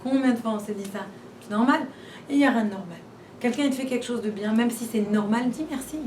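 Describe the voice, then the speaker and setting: Woman, teacher, informal class talk, rhetorical questions, high-pitched, echoey room, faint background noise. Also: fast, a little mellow, far from the mic. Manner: chatty, repeats and restarts, asks rhetorical questions.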